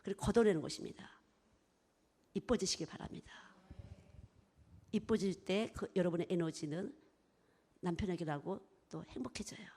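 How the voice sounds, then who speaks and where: A woman preaching a sermon. She swings between soft whispers and loud, emphatic bursts, and acts out little exchanges as she talks. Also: lowish voice, moderate pace, long pauses, breathy edge. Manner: expressive, acts out little exchanges in her talk.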